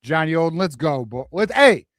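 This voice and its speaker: A man's voice: a little high, lively intonation, moderate pace, fairly bright tone, no echo, studio quality. A man co-hosting a casual fan sports show, hyped and emphatic, repeating phrases and using slang.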